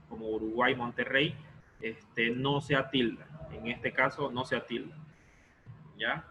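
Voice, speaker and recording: A man's voice: medium pitch, lo-fi sound, noisy background. A male teacher explaining a lesson step by step in an online class, often stopping to check that students follow.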